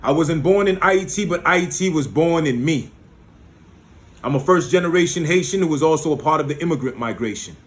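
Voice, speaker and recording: Animated and fairly quick, an American man with a slightly high voice performs spoken word poetry. His delivery is rhythmic and rhyming, rising to emphatic peaks, and he slips in short asides between pieces.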